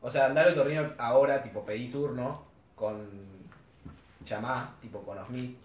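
A young Argentine man chats with a friend and keeps pushing blunt advice at an ordinary pitch. He sits back from the mic in an echoey room, with a faint hum under his voice. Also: normal speed, distant mic. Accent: Argentine Spanish. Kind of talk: casual chat among friends.

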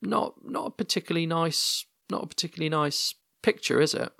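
Gravelly-voiced man hosting a chat. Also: on the high side, lively intonation, fairly quick, pushed and bright, no room sound, studio quality. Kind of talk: casual podcast chat.

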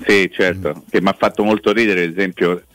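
Low-voiced guy running a football chat show, talks right to the listeners, dry mic. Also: fairly even intonation, a little fast, fairly bright tone, dry recording, faint music behind. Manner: chatty, addresses listeners directly. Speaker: host. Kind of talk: casual sports talk.

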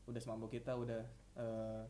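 A man co-hosting a casual chat, quick and slangy. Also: medium pitch, monotone, mellow. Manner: quick, chatty, uses slang. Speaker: podcast co-host.

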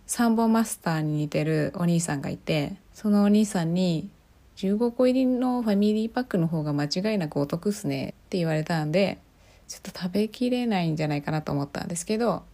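Speaking fairly quickly in a mellow, lowish voice, this woman runs her podcast alone. Her talk is casual and she frequently asks her listeners questions.

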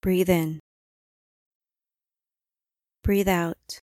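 A woman guiding a relaxing body-scan meditation in calm, soothing instructions with long pauses. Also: on the low side, dry recording, studio quality. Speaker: meditation guide.

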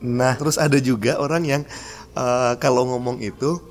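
A man's voice: medium pitch, steady tone, normal speed. Chatty man hosting a podcast. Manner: chatty, laughs often, demonstrates tones. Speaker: podcast host. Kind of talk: casual talk about public speaking.

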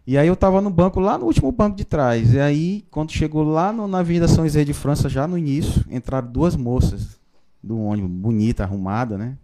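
A man, a pastor giving his conversion testimony in a podcast interview, telling it in a lively storytelling way with frequent tag questions. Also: a little high, fairly quick. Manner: storytelling, animated, frequent "né?" tags.

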